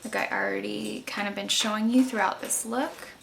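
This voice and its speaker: A woman's voice: mid-range voice, steady tone, moderate pace, gravelly, fairly bright tone, a little hiss or hum, rough recording. A woman hosting a casual makeup tutorial, chatting informally as she explains each step.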